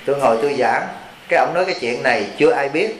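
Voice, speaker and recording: Racing along in an expressive mid-range voice, a monk gives a homespun sermon to retreat attendees, teasing them and firing off questions. A crowd is audible in the background, and the roomy hall adds a faint hiss.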